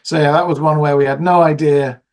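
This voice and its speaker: A man's voice: fairly high pitch, fairly even intonation, fairly quick, a little mellow. A man from southern England telling anecdotes in casual chat as a podcast guest.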